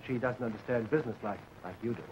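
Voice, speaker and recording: An actor playing a flustered, evasive suitor who stammers and placates in 1940s screwball comedy film banter. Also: male voice, medium pitch, fast talker, a little mellow, natural voice. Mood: placating. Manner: stammering, hesitant. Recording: muffled, noisy 1940s film soundtrack.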